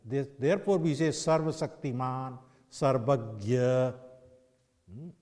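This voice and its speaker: Male spiritual teacher, North Indian accent, slightly higher-pitched voice, questioning didactic delivery, long hall echo. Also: slow pace, a little mellow. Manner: didactic, poses rhetorical questions to listeners. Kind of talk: religious discourse in English with Hindi and Sanskrit phrases.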